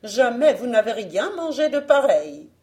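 A woman voicing a wicked, vain queen who schemes and rages, in an audiobook fairy tale, her voice going high and shrill. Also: big pitch swings, measured pace, a little mellow. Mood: coaxing, false.

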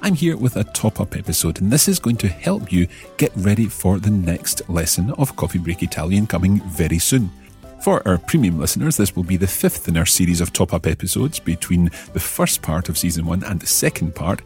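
A man hosting a podcast language lesson, explaining phrases in a clear, deliberate teaching voice and slowing down for examples. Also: sits low, big pitch swings, darkish tone, faint music behind.

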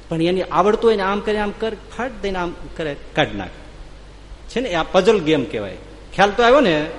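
Lively storytelling preacher man. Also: a little high, slight background noise. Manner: lively, humorous storytelling, acting out voices. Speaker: religious speaker. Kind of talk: sermon with a told story. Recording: reverberant hall, faint ambience.

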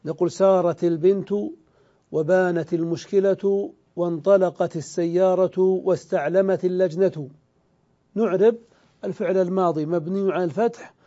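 A man teaching an Arabic grammar lesson, explaining step by step, asking questions and answering them himself, and drawing out the example words slowly. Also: high-pitched, steady tone, mellow, dull audio. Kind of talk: classroom grammar lecture.

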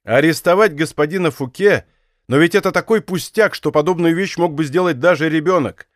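A man reading a bold, calm musketeer captain in an audiobook, speaking with dry irony. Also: fairly high pitch, brisk, dry recording, natural voice. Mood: ironic.

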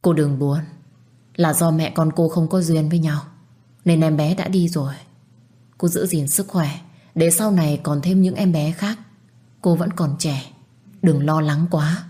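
A woman voicing a calm, sympathetic young male doctor who gives hard news gently in a read-aloud story. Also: low voice, measured pace, long pauses. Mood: consoling. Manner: calm and consoling.

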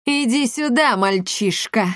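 A woman's voice: fairly high pitch, expressive, measured pace, fairly bright tone, dry recording, clean studio sound, pitched above the performer's own voice. Brief: woman narrator doing a haughty villain emperor, menacing and scornful, storybook tale. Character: cruel haughty male emperor.

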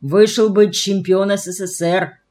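Brief: a composed young scholar, courteous and measured, read by a woman, storybook. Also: mid-range voice, fairly even intonation, a little mellow, close to an everyday voice. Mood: groaning, earnest. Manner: polite, measured, groaning. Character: slim young male scientist, calm and courteous.

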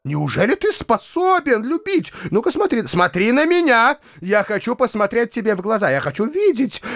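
A man voicing an elderly spinster in an audiobook, gushing and flighty, with shrill breathless delight. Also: dry recording, studio quality, full character voice.

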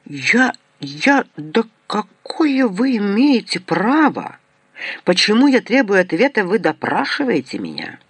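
A man voicing an agitated middle-aged male professor who stammers and bursts out in shrill outbursts. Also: very animated, unhurried, breathy edge, no echo, exaggerated voice. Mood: indignant.

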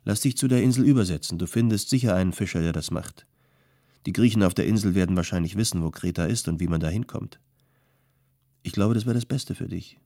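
A male audiobook reader voicing a settled young potter who calmly gives practical advice. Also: sits low, brisk, no echo, clean studio sound. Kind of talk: audiobook character voice.

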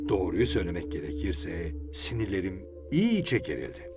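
A man reading the part of a bitter, nervy young wife, her lines sharp and irritable. Her pitch rises and falls a lot, and music plays behind her. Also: big pitch swings, normal speed. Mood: tense, irritable.

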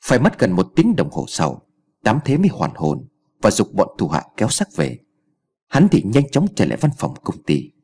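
A man narrating an audiobook story in an expressive storytelling manner. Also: lowish voice, normal speed, breathy edge.

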